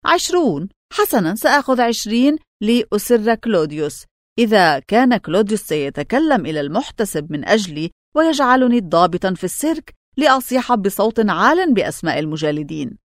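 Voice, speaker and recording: A greedy tavern keeper haggles in a grasping way, as a woman narrator acts him out. His lines move with lively pitch. The recording is close and dry. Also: brisk, no echo, natural voice. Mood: haggling.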